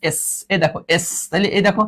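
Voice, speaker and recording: A man's voice: sits high, fairly even intonation, quick pace, a bit bright. A man teaching an English grammar class, repeating each word and teasingly scolding his students. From Bangladesh.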